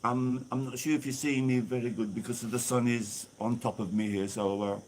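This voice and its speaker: With a church in the background, a man from England chats breezily on a phone live stream, reading out comments from viewers. He holds the phone before him and talks at normal speed in a medium-pitched, fairly even voice, with slight hiss or hum on the recording.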